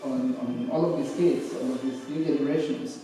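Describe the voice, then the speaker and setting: A middle-aged man from Guatemala, speaking to a congregation and answering an audience question in a measured, thoughtful way with frequent hesitations. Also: mid-range voice, steady tone, warm tone, soft background music. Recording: echoey hall, voice from far off.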